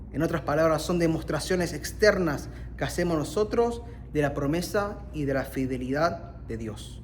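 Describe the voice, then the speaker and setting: Argentine male preacher, earnest and emphatic, voice on the higher side. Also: a little mellow, slight background noise. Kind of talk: sermon.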